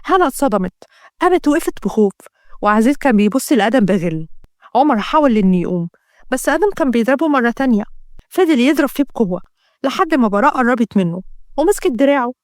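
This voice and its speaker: Egyptian woman narrator, fast dramatic storyteller, dry close sound. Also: a little high, expressive, darkish tone, no echo. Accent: Egyptian Arabic. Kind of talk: narrated romance story reading.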